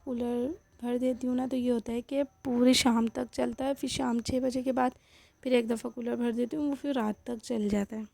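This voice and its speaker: Young woman housewife vlogger, mellow creaky voice, chatty to camera. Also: fairly high pitch, fairly even intonation, no room sound. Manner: chatty, addresses viewers directly. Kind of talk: casual home vlog chat.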